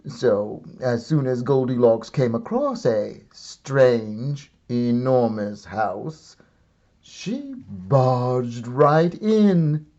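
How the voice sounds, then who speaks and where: A man reading a children's story aloud as a teacher would, with theatrical comic timing and wry pauses. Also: mid-range voice, lively intonation, dark tone, highs cut off. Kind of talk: expressive storybook read-aloud.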